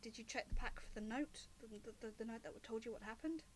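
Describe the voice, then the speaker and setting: Woman voicing a brisk, careful adventurer woman. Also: a little high, slight background noise, close to an everyday voice. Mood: cautious, firm. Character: careful, no-nonsense female adventurer.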